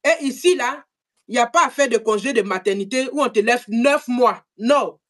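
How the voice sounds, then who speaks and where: Sex: woman. Role: live-stream host. Pitch: fairly high. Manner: animated, repeats words, speaks straight to viewers. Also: normal speed. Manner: animated, repetitive, addresses viewers directly. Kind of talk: casual live-stream chat.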